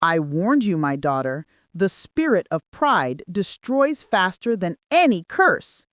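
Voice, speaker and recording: A woman voicing a wise, gentle elderly village woman, speaking slowly in a lowered, solemn voice. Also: sing-song, no room sound, studio quality.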